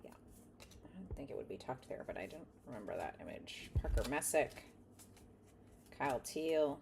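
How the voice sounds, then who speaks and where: A woman's voice: rumbling low, expressive, moderate pace, creaky, heavy background noise. A woman chatting casually while she sorts and sleeves trading cards, reading off a list of names. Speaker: card collector opening packs. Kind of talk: casual running commentary while sorting cards.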